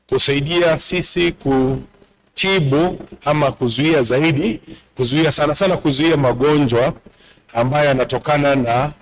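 A man's voice: mid-range voice, rough recording. A man with a Kenyan accent giving a church address, talking directly to the congregation and switching between Swahili and English. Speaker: church speaker presenting books at a camp meeting. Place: large bare church hall, at a pulpit.

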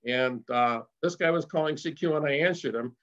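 A man's voice: a little high, normal speed, a bit bright. An older man giving an informal slide presentation at a radio club, rambling with many fillers and restarts and getting enthusiastic. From Rochester area, United States. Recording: slightly dull lo-fi sound.

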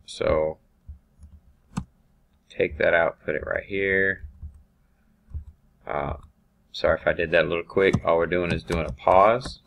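Low gravelly man talking through software. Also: fairly even intonation, slow pace, pauses often. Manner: thinking aloud, hesitant with ums and restarts. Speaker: automation instructor. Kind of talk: screen-recorded software tutorial.

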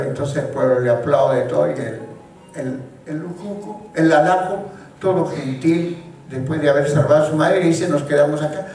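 An older man from Peru with a Peruvian Spanish accent, a painter retelling a folk myth in a wry, storytelling way, with halting restarts. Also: mid-range voice, darkish tone. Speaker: painter speaking at a tribute. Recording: echoey hall from far off, faint noise.

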